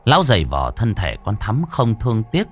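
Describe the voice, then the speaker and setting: A man's voice: on the low side, huge pitch swings, brisk, a bit bright, husky, soft background music. A man narrating a ghost story with a dramatic, ominous delivery.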